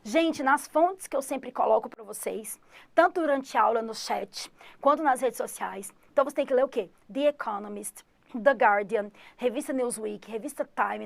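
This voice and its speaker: A woman with a Goiás Brazilian Portuguese accent teaches an online English lesson in a fairly high voice. She talks straight to her students and keeps repeating the key words. The sound is dry and close. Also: vocal fry, dry recording.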